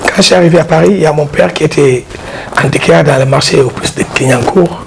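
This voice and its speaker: High, gravelly man, halting talk. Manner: halting, repeats words while explaining. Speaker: art dealer and collector. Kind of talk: casual explanatory interview. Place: exhibition hall with his collection. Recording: noisy background hiss.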